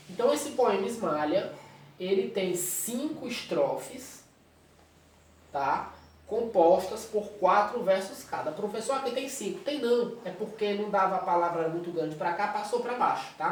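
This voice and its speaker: A male teacher with a Brazilian Portuguese accent, explaining a lesson and checking in with his students at every step. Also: sits high. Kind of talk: recorded classroom lecture. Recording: very echoey room, distant mic, faint hiss.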